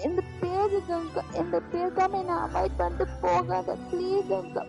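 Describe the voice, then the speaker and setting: A woman's voice: extremely high pitch, flat delivery, moderate pace, vocal fry, pitched above the performer's own voice, exaggerated voice. A woman voicing a heartbroken young man who pleads tearfully with his boyfriend, repeating his name. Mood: pleading. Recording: lo-fi voice with music behind.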